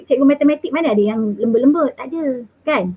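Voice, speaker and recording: A woman's voice: high-pitched, fast, slightly rough. A woman in her fifties with a Malaysian accent, a mathematics teacher answering interview questions in a firm, emphatic way. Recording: tinny phone-like call audio.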